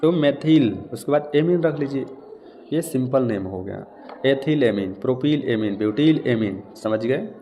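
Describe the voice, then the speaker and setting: Chemistry teacher in a reverberant room. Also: male voice, mid-range voice, expressive, normal speed, mellow. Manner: explains step by step, checks understanding often. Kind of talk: classroom lecture. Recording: long reverb, faint room noise.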